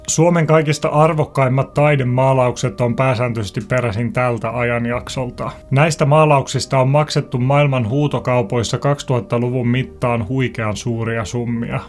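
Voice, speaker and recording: A young man narrates an informative video in a calm, clear, scripted way. His pitch sits in a normal middle range, and he speaks directly to his viewers as the channel's host.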